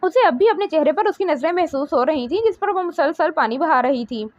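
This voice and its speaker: High-pitched woman audiobook narrator, steady storytelling, dry, dull lo-fi recording. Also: fairly quick, no room sound. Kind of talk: scripted narration of a romance novel.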